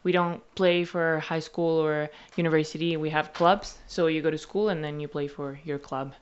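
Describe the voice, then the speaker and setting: Low smooth voice, young woman, basketball player guest, lots of uhs, slightly dull audio. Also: steady tone, normal speed. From Argentina. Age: 20s. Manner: hesitant, many filler uhs, speaks in short phrases. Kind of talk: interview answers.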